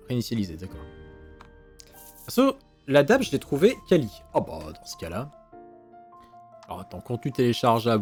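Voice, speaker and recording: Male let's-play streamer: animated, excitable, swears, talks through everything, game music faint behind. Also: medium pitch. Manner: excitable, swears, thinks aloud. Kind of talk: casual let's-play commentary.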